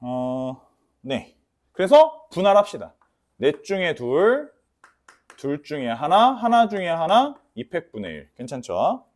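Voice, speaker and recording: A man teaching a math lecture emphatically, drilling warnings and checking his students understand, mixing polite speech with rough slang. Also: on the high side, wildly swooping pitch, takes it slowly, darkish tone. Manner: repeats key warnings, asks students for confirmation.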